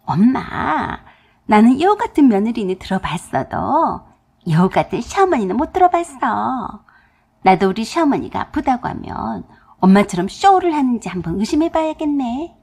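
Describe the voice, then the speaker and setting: Brief: woman doing a giggly teasing daughter in a storybook radio drama, husky and high. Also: sing-song, normal speed, a little mellow, full character voice. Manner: teasing, laughing.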